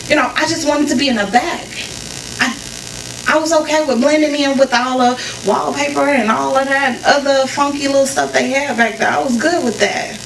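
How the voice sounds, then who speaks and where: A woman's voice: high voice, a bit bright, slight background noise. Woman telling her story on a live stage. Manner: conversational, repeats phrases for emphasis, talks to the crowd. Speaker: spoken word performer. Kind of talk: storytelling on stage before a performance. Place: live concert venue. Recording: roomy live sound from a distance. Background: faint audience ambience.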